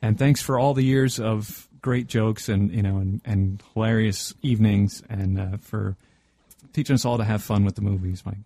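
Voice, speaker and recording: A man's voice: on the low side, steady tone, normal speed, mellow, no room sound. A man hosting a podcast interview, friendly, rambling and self-conscious. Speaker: podcast host. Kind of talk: casual interview chat.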